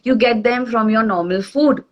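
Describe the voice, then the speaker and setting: A woman's voice: on the high side, moderate pace, lo-fi sound. A woman with an Indian English accent explaining simply over a video call, often checking in with "okay". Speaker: nutrition expert guest. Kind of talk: casual online talk.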